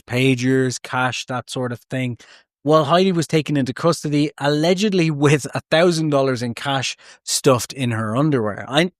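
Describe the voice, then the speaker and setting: A man's voice: medium pitch, no echo, studio quality. A man hosting a podcast, narrating a true story with chatty, jokey asides that often break off mid-thought. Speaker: podcast host.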